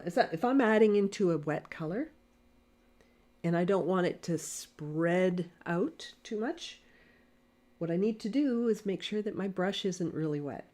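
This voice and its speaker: A woman teaching watercolor painting in a live lesson, speaking quietly and thinking aloud as she paints, on a desk mic. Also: lowish voice. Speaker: watercolor art instructor. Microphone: desk mic near camera.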